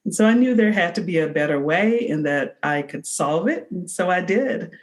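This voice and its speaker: A woman in her forties, a company founder appearing as a podcast guest, answers interview questions with a lowish, animated voice at normal speed. She explains things earnestly and conversationally.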